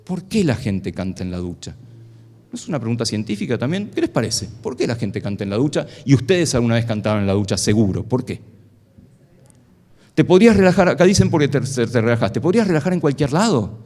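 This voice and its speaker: A man's voice: medium pitch, darkish tone. A middle-aged man giving a playful live science talk on stage, asking the audience a stream of questions. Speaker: science lecturer.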